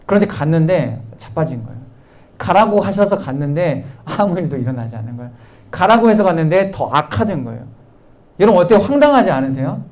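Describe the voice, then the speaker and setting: Lively high-voiced Korean pastor preaching. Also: male voice. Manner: questioning, repetitive rhetorical preaching, quoting voices. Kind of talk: sermon to a youth congregation.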